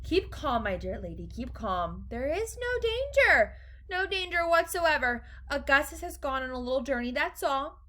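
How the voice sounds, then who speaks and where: A woman voicing an eccentric, excitable storybook gentleman who speaks with theatrical emphasis and breezy reassurance. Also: on the high side, moderate pace. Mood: breezily soothing.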